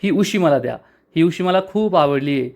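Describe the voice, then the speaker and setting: A man's voice: on the high side, expressive, moderate pace, darkish tone. A man voicing a crafty, stubborn young male bike taxi rider who haggles and teases, retold in a serial recap. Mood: insistent. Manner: haggling, insistent, teasing.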